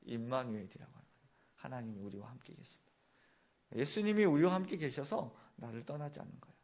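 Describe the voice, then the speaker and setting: A man's voice: mid-range voice, sing-song, quick pace, lo-fi sound. A male pastor preaching a sermon, asking the congregation questions and answering them himself. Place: church sanctuary.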